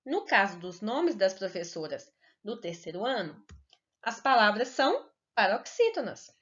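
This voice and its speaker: A woman teacher giving a recorded lesson to young children, speaking slowly and clearly and stretching words to show the stressed syllable. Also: mid-range voice, very animated, a bit bright. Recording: dull lo-fi recording.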